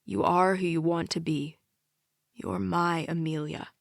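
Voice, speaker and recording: A calm, protective teenage boy from a young adult audiobook, read by a woman who lowers her voice a little. He speaks in a reassuring, even way, and the recording is dry and close. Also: unhurried, creaky, dry recording.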